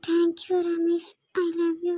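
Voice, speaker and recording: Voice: very high voice, monotone, extremely slow, dark tone, no echo, full character voice. A woman voicing a tearful, earnest young wife in a cartoon, with a Kongu Tamil accent and a pleading, questioning way of talking. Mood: tender, longing. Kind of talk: cartoon voice acting. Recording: dull dry lo-fi recording.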